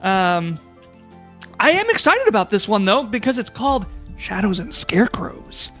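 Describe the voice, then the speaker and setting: A man's voice: sits high, big pitch swings, moderate pace, sharp tone, soft background music. A man running a tabletop game as game master, rambling and self-deprecating as he thinks aloud. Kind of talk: casual streamed tabletop game chat.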